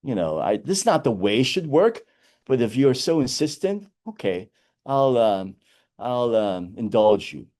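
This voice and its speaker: A man's voice: mid-range voice, sing-song, moderate pace, a little mellow, natural voice. A man voicing a weary old Zen master who gives in with a sigh. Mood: reluctant. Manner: sighing, reluctant.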